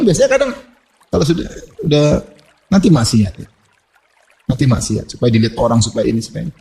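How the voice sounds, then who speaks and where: Lively high-voiced preacher. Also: male voice. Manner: animated preaching with humorous asides and quoted Arabic. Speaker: Islamic preacher. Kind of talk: sermon.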